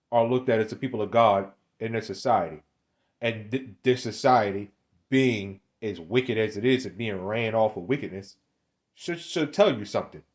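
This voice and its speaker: A man in his twenties giving a casual, rambling monologue, often stammering and repeating words, with street slang. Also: on the low side. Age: 20s. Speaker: online commentator.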